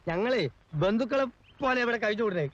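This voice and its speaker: Bickering house servant, middle-aged, comic, lo-fi film soundtrack. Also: male voice, high-pitched, expressive. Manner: quick-tongued, argumentative, comic. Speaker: film actor. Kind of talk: 1980s film comedy acting.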